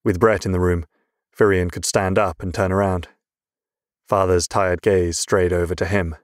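Deep-voiced male audiobook narrator. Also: level tone, moderate pace, dry recording, studio quality. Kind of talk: scripted narration.

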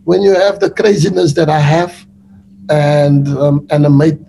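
A man in his forties with a South African accent, a football coach answering press questions in a relaxed, rambling way with many restarts, speaking over a webcam on a video call. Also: fairly high pitch, a little slow, vocal fry, slight background noise, low-quality recording. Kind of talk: post-match press conference answers. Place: indoors before a sponsor backdrop.

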